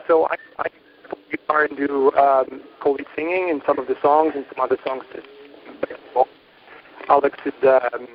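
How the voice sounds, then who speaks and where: A young Portuguese man who plays guitar and sings in a band talks loosely in a phone interview, rambling and hesitant, with lots of fillers. His voice is a little high, and the lo-fi sound carries a little hiss or hum.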